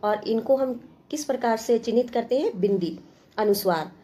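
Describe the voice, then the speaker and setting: A woman teaching a school grammar lesson in a patient, step-by-step way. Her voice sits a little high with a soft, mellow tone. She keeps asking the class questions and answering them, mixing in English terms as she explains. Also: moderate pace. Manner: patient, asks questions then answers them, addresses students as children.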